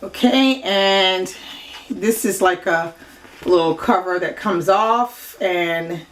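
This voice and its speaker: A woman's voice: lowish voice, slow. A woman book vlogger talking casually to the camera at home, chatty, with many asides and fillers.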